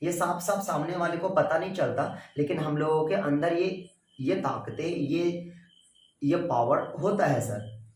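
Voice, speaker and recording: A man teaching English vocabulary in Hindi, spelling words letter by letter and drilling pronunciation in a slow, drawn-out way, often calling his listeners sir. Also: a little high. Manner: addresses viewers as sir and bhai. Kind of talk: Hindi vocabulary lesson with repeat-after-me drills. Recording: roomy echo, voice from a distance.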